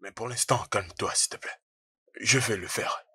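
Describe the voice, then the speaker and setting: A man's voice: on the low side, moderate pace, pushed and bright, breathy edge, no room sound, studio quality, heavily acted. An actor dubbing an exasperated young man in a drama, speaking in a pleading, defensive way. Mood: placating. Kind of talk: dubbed drama dialogue.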